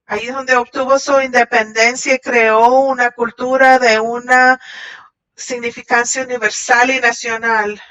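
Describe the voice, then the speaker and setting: A woman voicing a Shabbat message in translation, halting at times and restarting. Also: a little high, little pitch movement, bright, forceful tone. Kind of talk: translated sermon voice-over. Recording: dull lo-fi audio.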